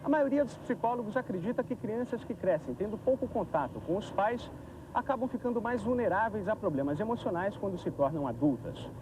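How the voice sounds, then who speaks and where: A man's voice: high voice, animated, a little fast. A man with a Brazilian accent narrating a scripted TV news report, recorded on an old VHS tape. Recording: noisy 1990s VHS tape of TV broadcast.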